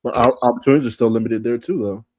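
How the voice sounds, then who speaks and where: A man co-hosting a sports podcast while sick with a sore throat, talking in a relaxed, slangy way. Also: medium pitch, rapid-fire, no echo. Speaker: podcast co-host. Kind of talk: casual sports chat.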